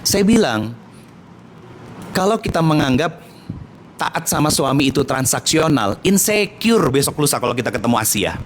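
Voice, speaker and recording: Lively soft-spoken male preacher. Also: a little high, normal speed, long pauses, slight background noise. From Indonesia, Minangkabau family. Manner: soft-spoken, lively, questioning listeners directly. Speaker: Islamic preacher. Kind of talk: sermon to women.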